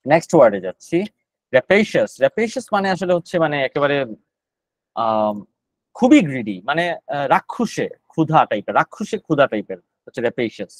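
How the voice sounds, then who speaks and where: A man runs a live online GRE vocabulary class. He explains each word in a rapid, steady stream of Bengali with English terms and filler sounds mixed in, saying every word several times over. His voice sounds close and dry, with no room around it. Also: a little high, dry recording, low-quality recording.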